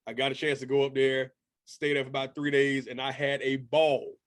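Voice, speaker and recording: A man's voice: mid-range voice, little pitch movement, a little fast, no room sound, clean studio sound. A man in his thirties hosting a casual interview over a video call, upbeat and chatty with a slangy manner. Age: 30s. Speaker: interview host.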